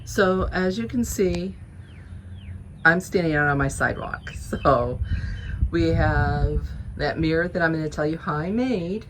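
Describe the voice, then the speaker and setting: A woman's voice: low-pitched, expressive, a little slow, slight background noise. A woman from Georgia, chatting casually through a home decorating vlog, a little out of breath, recorded outdoors on a front porch with birds chirping. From southern Georgia, USA. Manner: chatty, friendly walkthrough with small laughs.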